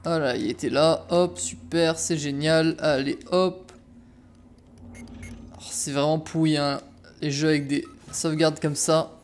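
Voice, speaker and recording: A man's voice: fairly high pitch, fairly even intonation, unhurried, slight background noise. A man giving casual, sweary, exasperated commentary as he plays a video game. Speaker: let's player. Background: game ambience.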